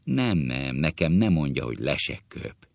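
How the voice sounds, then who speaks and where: A man voicing a pompous, hot-tempered gentleman obsessed with his honor, blustering through a comic quarrel. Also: sits low, big pitch swings, vocal fry, no echo, full character voice. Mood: indignant. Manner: blustering, table-pounding outbursts.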